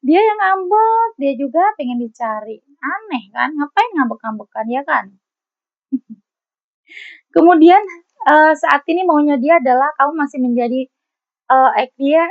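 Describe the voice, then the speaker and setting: A woman's voice: high-pitched, no echo. A woman giving a casual tarot reading to her viewers, chatty and teasing, often laughing. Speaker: tarot reader. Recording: dry, slightly dull lo-fi recording.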